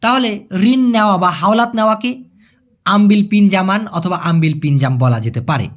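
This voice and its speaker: High-voiced man teaching a language lesson. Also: animated. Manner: explains patiently, repeats words slowly, checks with "clear?".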